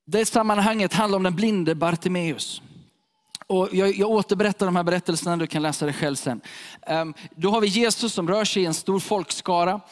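A man preaching a sermon to a gathered audience, emphatic and repeating his key phrases. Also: sits high. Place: church hall with a live audience. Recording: echoey hall reverb.

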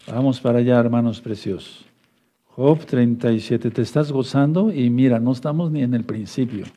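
A man's voice: mid-range voice, normal speed, warm tone. A man teaching a Bible study sermon, repeating key points, spelling out words and asking listeners to take notes. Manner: addresses listeners as beloved brothers, asks for note-taking.

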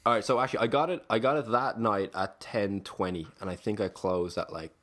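A man's voice: on the low side, brisk, a bit bright. A young Irish man telling a rambling, sweary story in casual podcast chat. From Ireland. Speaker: podcast host.

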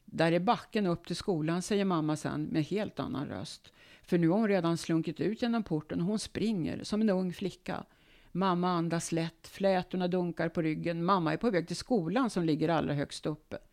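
A woman, a guest author, reading her own memoir aloud in a calm, measured way. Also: on the low side.

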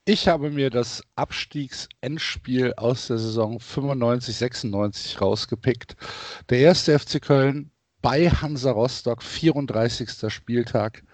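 A man's voice: mid-range voice, breathy edge, no room sound. Middle-aged man reminiscing, dry close sound. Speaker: podcast guest, football fan. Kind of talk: reminiscing in casual chat.

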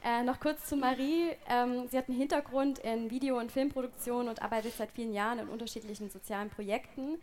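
A woman from Germany co-hosting a live podcast panel, introducing guests and explaining in a steady manner with filler words. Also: on the high side, quick pace, few pauses. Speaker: podcast co-host.

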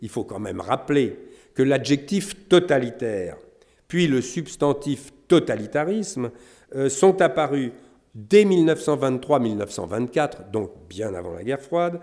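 A middle-aged man from France giving a measured academic lecture, pausing often with fillers. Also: medium pitch, big pitch swings, darkish tone. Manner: measured, many hesitations with euh and hein. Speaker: historian lecturer.

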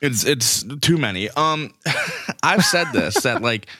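A man co-hosting a sports podcast. He vents his frustrations in a loose, profane, exasperated rant. His voice sits at an ordinary pitch in a dry, dead room. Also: sing-song, slow, pushed and bright, dry recording. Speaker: podcast co-host. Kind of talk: casual sports chat.

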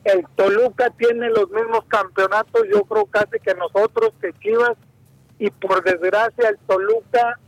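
Heard over a phone line, this sports radio caller has a high-pitched, gravelly, expressive voice and speaks unhurriedly. He offers a casual opinion hesitantly, full of fillers and restarts, with no room sound.

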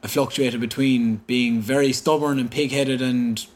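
A man's voice: mid-range voice, unhurried. An Irish man, an interview guest, recounting a personal story in conversation and acting out what people said. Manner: animated, quotes dialogue as he recounts.

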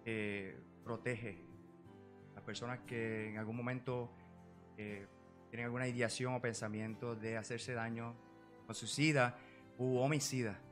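Puerto Rican man with flat, measured speech. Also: mid-range voice, over music. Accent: Puerto Rican Spanish. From Puerto Rico. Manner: measured, full of filler "eh" and "¿verdad?" tags. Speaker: guest, psychology professional. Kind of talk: podcast interview.

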